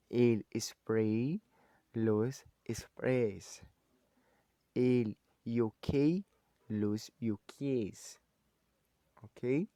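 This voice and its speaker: A man's voice: medium pitch, dark tone, no room sound. Man teaching Spanish grammar, dry sound. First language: Portuguese. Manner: slows down to spell out example words, checks in with "ok?" and "certo?". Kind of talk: recorded grammar lesson.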